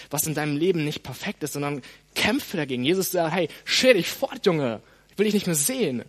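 Somewhat high and husky, this male preacher talks directly to his listeners. His sermon is lively and varied, full of "hey" and "ne?".

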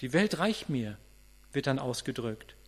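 With a mid-range voice that swings widely in pitch, a preacher in his late fifties speaks unhurriedly through an earnest, conversational sermon. He restarts often and repeats words while thinking aloud, in a reverberant hall where mains hum is audible.

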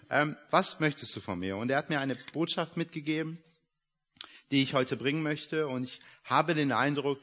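A man's voice: medium pitch, fairly bright tone. A young man from Iran, raised in Germany, preaching a sermon in a casual, joking way, with many fillers. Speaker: guest preacher. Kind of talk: sermon with personal introduction.

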